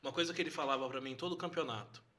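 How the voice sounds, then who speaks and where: A man, a karate instructor with a Brazilian Portuguese accent, telling animated anecdotes in a casual podcast chat. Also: medium pitch, rapid-fire. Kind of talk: casual storytelling.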